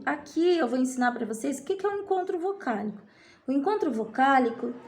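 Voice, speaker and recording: A woman teacher guiding young children through a worksheet, patiently drawing out key words and checking in often. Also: sits high. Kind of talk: primary school lesson walkthrough.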